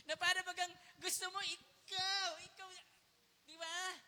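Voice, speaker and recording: A man from the Philippines preaches with a high, sharp voice. He speaks in a conversational way, often asks his listeners questions and switches into English phrases. His voice rings out with a long reverb, as in a large hall. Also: flat delivery, slow. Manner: mixes English phrases into Tagalog. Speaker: pastor. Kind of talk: sermon with a personal story.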